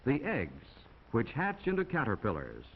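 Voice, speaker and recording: An American man reads scripted narration styled after a 1950s classroom film, his mid-pitched voice swooping wildly at a moderate pace as he explains things to young viewers in a folksy, chatty manner. The 1950 optical soundtrack is muffled and dull, with faint noise underneath.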